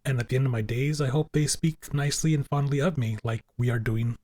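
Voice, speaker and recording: A man co-hosting a casual podcast chat, recorded dry and close. He rambles, circling his point with "you know" and restarts. His pitch sits in an ordinary middle range. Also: fairly quick, darkish tone, no echo. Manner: rambling, fills with "you know", repeats himself. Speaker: podcast co-host.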